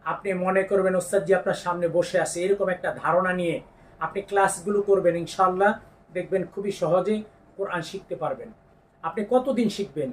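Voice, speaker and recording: A man teaching Quran pronunciation, patiently explaining each letter and drawing out the sounds slowly. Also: high-pitched, distant mic. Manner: slow drawn-out demonstrations of letter sounds, patient instructions. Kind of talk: step-by-step pronunciation lesson.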